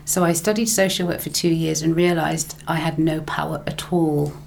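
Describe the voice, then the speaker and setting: Here a middle-aged woman from England, who works as a broadcaster and lecturer, chats through her story as an interview guest, laughing easily and repeating phrases. She speaks at a moderate pace in a low, darkish voice with vocal fry and fairly even intonation, with slight background noise.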